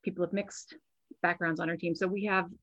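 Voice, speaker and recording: Chatty woman with a lowish voice. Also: little pitch movement, fairly quick, a bit bright. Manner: chatty, repeats words while thinking, many "um"s. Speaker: guest, burlesque performer and show producer. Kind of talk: conversational interview answers. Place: home, on a video call.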